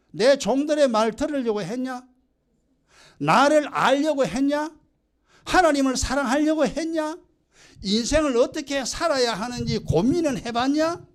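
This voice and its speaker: A man's voice: extremely high pitch, pitched above the performer's own voice. A man voicing God as a stern, pleading father who scolds people for not listening to him, in a sermon. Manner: scolding, raising his voice.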